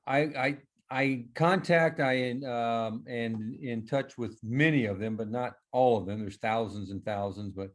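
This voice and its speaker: A man answering casually as a guest on a video call, with halting, hesitant phrasing. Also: mid-range voice, fairly even intonation. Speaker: retired football player speaking as a webinar guest.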